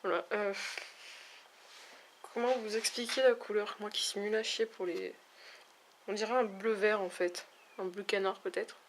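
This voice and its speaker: A woman's voice: medium pitch, steady tone, normal speed, long pauses, a little hiss or hum. A woman reviewing a makeup palette in a casual vlog, talking in a hesitant, chatty way with many fillers. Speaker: beauty vlogger. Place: at home, near a window with backlight.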